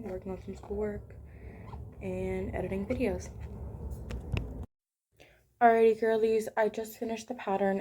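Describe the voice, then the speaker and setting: A young woman talking casually and softly while showing her crochet work at home, sometimes dropping to a hush. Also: mid-range voice, slight background noise. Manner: soft-spoken, sometimes hushed. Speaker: crochet vlogger. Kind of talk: casual crochet tutorial chat.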